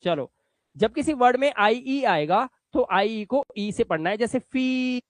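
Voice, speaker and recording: A man's voice: extremely high pitch, expressive, normal speed, no room sound. A man teaching English phonics in a spoken lesson, patiently repeating rules and stretching out example words, often checking that the learners follow. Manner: coaxing, checks understanding often.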